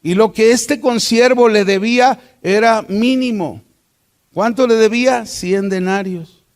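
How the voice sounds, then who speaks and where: Slow high-voiced Mexican Bible teacher. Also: male voice. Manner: deliberate, asks the class rhetorical questions. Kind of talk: Bible class lesson.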